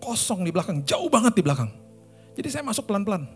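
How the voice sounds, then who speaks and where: A man's voice: sits high, big pitch swings, fast talker, soft background music. A male pastor with a Jakarta accent telling a personal story in a sermon, casual slang and sound effects.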